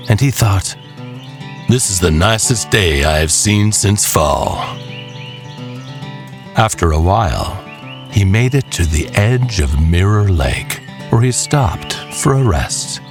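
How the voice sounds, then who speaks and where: Clear music underscores a scripted tale told by a storyteller whose voice is very low. He takes his time, stretching out each deliberate phrase for dramatic weight.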